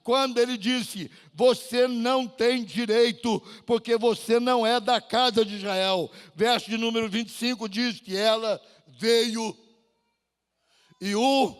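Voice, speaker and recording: A male pastor preaching a sermon, dramatic and slow, drawing out pleas and swinging from loud cries to near-whispers. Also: very high voice, fairly even intonation, clear, resonant tone. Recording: long church reverb.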